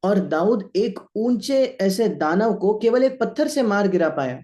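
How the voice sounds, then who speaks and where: Male sermon interpreter, high-pitched, mellow tone, steady line-by-line delivery. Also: measured pace.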